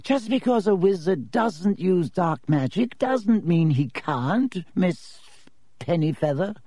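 A man's voice: high voice, sing-song, mellow, no room sound, pitched above the performer's own voice, full character voice. A man doing a dry, reedy old ghost professor. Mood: irritated. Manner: slow, clipped, dismissive lecturing. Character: old male ghost history professor, dry, pedantic, testy.

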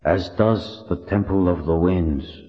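Man doing old ancestor ghost, deep husky, slow and solemn, kinda lo-fi. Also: in a large hall, soft background music. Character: ancient male ancestor spirit, solemn and wise.

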